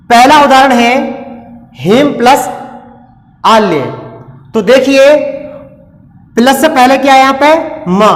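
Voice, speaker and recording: A male teacher giving a classroom lesson at a board. He asks questions and answers them himself, repeating each step. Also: extremely high pitch. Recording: echoey, roomy classroom.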